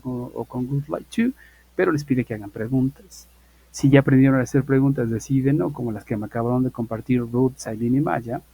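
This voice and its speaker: A male English teacher, giving an online university class and slowly repeating example phrases for his students. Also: mid-range voice, gravelly, warm tone, husky, poor audio.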